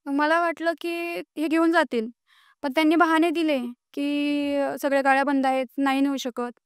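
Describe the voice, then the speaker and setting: A woman's voice: sits high, level tone, normal speed, no room sound, clean studio sound. A young woman, telling her life story as a podcast guest, earnest and rising with indignation. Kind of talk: emotional personal storytelling.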